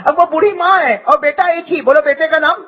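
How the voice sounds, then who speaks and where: A male preacher telling an emotional story as a sermon, impassioned and sometimes shouting, calling on the crowd to repeat after him. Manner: call-and-response, urging the crowd to repeat. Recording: muffled low-fidelity recording.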